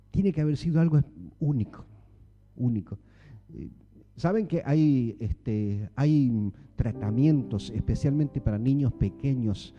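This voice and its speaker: Argentine pastor preaching with rhetorical questions. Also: male voice, medium pitch, muffled recording. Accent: Argentine Spanish. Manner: animated, rhetorical questions to the congregation. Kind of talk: sermon. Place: church.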